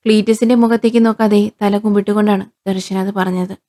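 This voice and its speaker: A woman from Kerala narrating a scripted crime story in a steady storytelling voice. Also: medium pitch, brisk.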